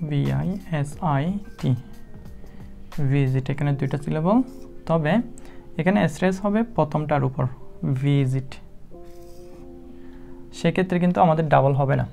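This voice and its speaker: Low gravelly woman teaching spelling. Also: mellow. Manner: slow, methodical, spells words out letter by letter with many "ah" fillers. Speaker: English teacher. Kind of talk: spelling lesson explained in Bengali.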